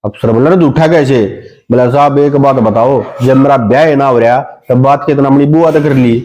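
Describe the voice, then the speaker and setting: A man with a Haryanvi accent tells folksy jokes in broad dialect. His voice is mellow and relaxed, with a slightly dull, lo-fi recording. He puts on sing-song voices for the people in his stories. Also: mid-range voice, a little fast. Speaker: comedian. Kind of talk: telling folk jokes.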